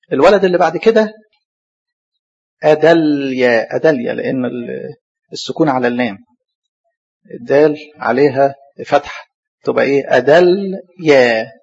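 Gravelly fast-talking Egyptian preacher man. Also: mid-range voice. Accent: Egyptian Arabic. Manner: asks rhetorical questions and answers them himself; spells out and repeats hard names slowly. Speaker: preacher teaching the Bible. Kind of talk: sermon, Bible study lesson. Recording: dull lo-fi recording.

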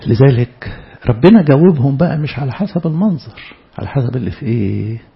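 Animated, gravelly Egyptian preacher. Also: male voice, mid-range voice, a little fast. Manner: animated, voices God's words directly to the listener. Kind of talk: sermon. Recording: dull lo-fi recording.

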